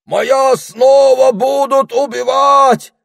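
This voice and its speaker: A man's voice: very animated, takes it slowly, fairly bright tone, no echo, clean studio sound, exaggerated voice. Madame Hortensia, a man doing a shrieking French engine. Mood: panicked. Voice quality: husky, shrill, theatrical. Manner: dramatic, squealing, flirtatious. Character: fussy elderly French female steam locomotive.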